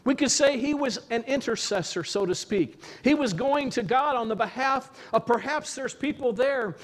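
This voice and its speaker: A man pastor preaching a sermon, reading scripture aloud and then expounding on it in an earnest, searching way with slow emphatic pauses. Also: extremely high pitch, lively intonation.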